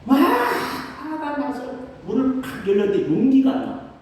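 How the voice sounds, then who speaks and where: A middle-aged male pastor preaching a testimony sermon, telling his story with animated shifts between formal and casual speech. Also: extremely high pitch, a little slow, a little hiss or hum. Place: church sanctuary. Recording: echoey church hall from far off.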